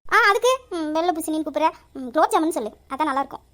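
A woman plays a teasing young woman in love in a romantic audio drama. Her voice sits high and runs fast, coaxing and playful in banter. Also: animated, fairly bright tone.

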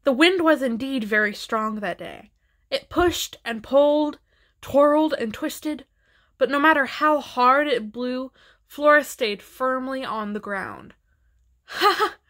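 A woman reading a children's picture book aloud in a gentle, expressive way. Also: high voice, takes it slowly. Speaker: storybook reader.

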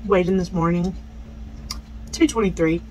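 A woman's voice: lowish voice, normal speed, darkish tone, slight background noise, low-quality recording. A woman vlogger chatting candidly over lunch on a work break, talking while chewing with her mouth full. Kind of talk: casual eat-with-me chat.

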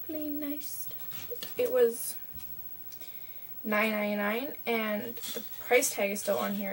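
A young woman from Canada talking casually in a haul video, chatty and rambling with lots of fillers, in a small bedroom. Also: medium pitch. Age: young adult. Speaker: vlogger. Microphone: webcam at desk distance. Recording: webcam mic from a distance, faint hiss.

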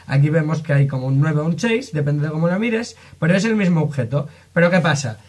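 A man's voice: fairly high pitch, a little mellow, breathy edge. A man with a Spain Spanish accent, explaining ideas in a chatty vlog and often asking rhetorical questions. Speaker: music and psychology video creator.

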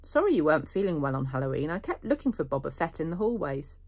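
A woman's voice: deep voice, sing-song, fast, darkish tone, no echo, full character voice. A woman reading aloud, voicing a guarded, sulky ten-year-old boy who talks accusingly.

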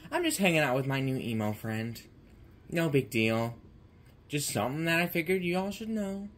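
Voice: mid-range voice, lively intonation, normal speed, slight background noise, lightly acted. A puppeteer voicing a chatty, breezy creature puppet who lectures about nonconformity in a puppet comedy sketch.

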